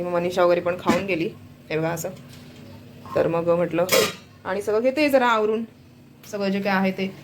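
A woman's voice: mid-range voice, background noise. A young woman chatting casually to viewers in a home vlog, pointing things out as she goes. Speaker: vlogger.

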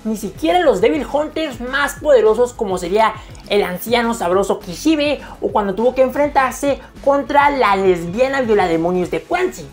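A woman with a voice on the high side, expressive and at normal speed, narrates casual anime commentary as a video essayist. Her style is slangy and jokey with crude humor, and faint music plays under her voice.

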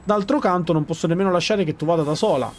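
A man's voice: high-pitched, fast talker, darkish tone, slight background noise. A man reading aloud the terse, hesitant lines of a young male swordsman in a video game. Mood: reluctant.

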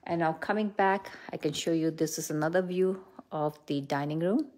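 A woman's voice: deep voice, normal speed, a little mellow. A middle-aged woman, a real estate agent, giving a casual, unscripted house tour with upbeat praise for what she shows. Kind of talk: casual, unscripted walk-through tour narration. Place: indoors, walking through a house. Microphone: handheld phone.

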